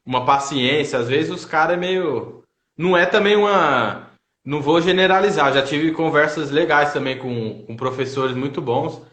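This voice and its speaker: On an indoor online live video call, a man hosting a language-learning livestream chats casually and shares anecdotes in colloquial speech, his Brazilian accent marking him as a native Portuguese speaker. His slightly bright voice sits on the high side, at a moderate pace, with roomy sound.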